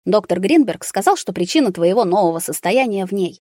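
A woman's voice: mid-range voice, animated, a little fast, no room sound, close to an everyday voice. Woman voicing a tearful, worried mother. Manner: soft, pleading, close to tears. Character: anxious, tearful middle-aged mother.

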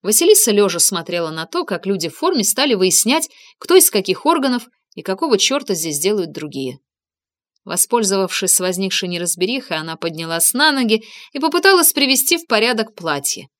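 A woman narrating a story aloud in an expressive, lively reading. Her delivery follows the comic action with energy. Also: medium pitch, brisk. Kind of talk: audiobook narration.

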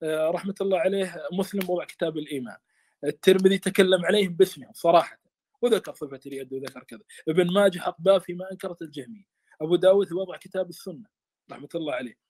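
A man's voice: sits high, very fast, a little mellow, slightly rough. A man teaching a study lesson on a classical text, speaking with passion and often stammering and repeating words.

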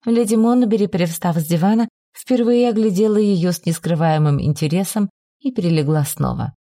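Mellow-voiced woman narrating a novel. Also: fairly low pitch, no echo, studio quality. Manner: measured, expressive reading. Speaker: audiobook narrator.

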